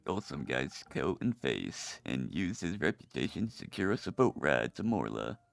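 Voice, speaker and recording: A booming metallic robot man. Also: big pitch swings, moderate pace, vocal fry, soft background music, exaggerated voice. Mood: deadpan. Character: deep gravelly male robot adventurer. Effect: robot voice filter. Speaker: player character in a streamed tabletop game.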